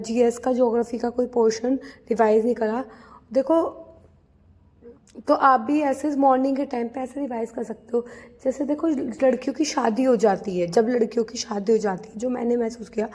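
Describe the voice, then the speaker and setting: A woman's voice: fairly high pitch, dark tone. A young woman from India talking earnestly and casually to her viewers in a study vlog, with many fillers and restarts. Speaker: vlogger studying for a teaching exam.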